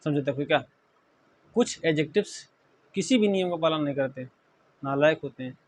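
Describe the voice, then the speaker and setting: A man's voice: on the high side, moderate pace, darkish tone. A man from India teaching English grammar in a classroom-style lecture, spelling words letter by letter and often checking that students follow.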